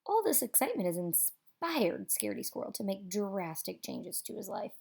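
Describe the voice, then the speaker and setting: Here a woman's medium-pitched voice carries a creaky, breathy edge as she reads a children's picture book. Her delivery is theatrical and expressive, full of dramatic pauses and emphasis.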